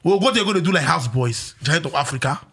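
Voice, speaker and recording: A man's voice: fairly high pitch, animated, fast talker, fairly bright tone, breathy edge. A man with a Nigerian accent arguing about football in Nigerian Pidgin, emphatic, repeating himself and cutting in as a pundit. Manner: emphatic, repetitive, interrupting.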